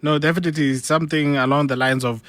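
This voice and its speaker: A man's voice: fairly high pitch, steady tone, fast, fairly bright tone, no echo. A male radio host asking interview questions, with many fillers and hesitations. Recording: dry studio sound.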